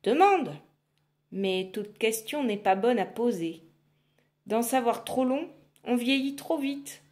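Baba Yaga, a woman putting on a loud gruff witch. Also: a little high, expressive, slow, voice pushed up. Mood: grumbling. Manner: loud, growling and threatening. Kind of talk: storybook reading.

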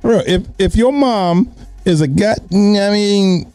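A man's voice: high-pitched, lively intonation, a little slow, darkish tone, no room sound, faint music behind. A man, hosting a podcast in casual, blunt, slangy banter and repeating phrases for emphasis, close on the mic. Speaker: podcast host. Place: small home podcast studio. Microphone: close microphone on a stand, with headphones.

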